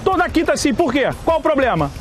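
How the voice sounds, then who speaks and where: A man loudly taunts someone over the phone in a staged prank, worked-up and challenging. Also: very high-pitched, very animated, fairly quick, soft background music. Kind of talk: loud staged phone provocation.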